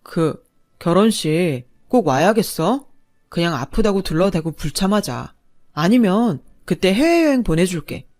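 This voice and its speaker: A woman's voice: lowish voice, very animated, measured pace, a little mellow. A woman voicing a selfish young adult son who makes evasive, pleading excuses, in a storytelling narration. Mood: dismissive.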